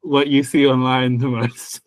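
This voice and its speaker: Co-hosting a podcast, a man chats casually about language, rambling, restarting often and laughing at himself. His voice is medium-pitched and level, his pace measured, and the recording dry.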